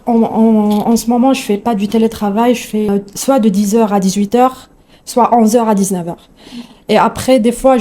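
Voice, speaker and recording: A woman's voice: a little high, dark tone. A woman from Morocco working as a communication and marketing manager, introducing herself carefully with many hesitations, in a showroom. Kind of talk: casual self-introduction. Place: kitchen showroom.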